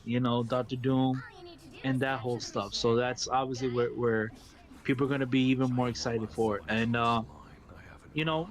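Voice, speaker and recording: A Brooklyn man with a New York accent, chatting on a gaming stream, excitable and laughing, repeating words and calling people "bro". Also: mid-range voice, normal speed, a little hiss or hum. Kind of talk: casual gaming stream chat.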